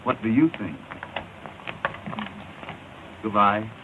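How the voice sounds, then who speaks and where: Western mine boss, animated intonation, easygoing authority, clearly noisy 1930s soundtrack. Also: male voice, on the low side, extremely slow. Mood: teasing, tender. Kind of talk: early 1930s talkie western film acting.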